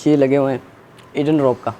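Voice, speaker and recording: A man's voice: mid-range voice, flat delivery, normal speed, mellow. A man with a Pakistani accent working as a shop seller, listing stock and prices in a repetitive, unscripted sales presentation. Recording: clear background noise.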